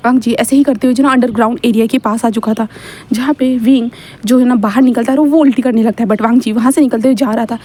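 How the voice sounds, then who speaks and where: A woman's voice: on the high side, fairly even intonation, quick pace, warm tone. A woman casually reading a fan-fiction story aloud, chatty and correcting herself as she goes.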